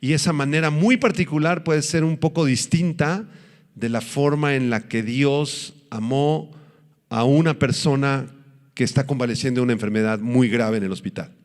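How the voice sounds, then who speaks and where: A pastor delivering a sermon, teaching in an animated way and slowing down to stress his points. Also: mid-range voice, big-room sound. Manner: animated preaching, acts out quoted voices, slows for emphasis.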